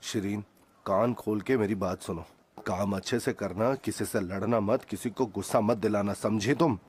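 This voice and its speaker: A man's voice: fairly low pitch, darkish tone, husky. A man voicing a bossy, fussy father. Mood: stern. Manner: brusque, scolding, quick to lecture. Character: fussy middle-aged father, loud and bossy. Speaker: father of the household. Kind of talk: Hindi dub of a TV drama. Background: music.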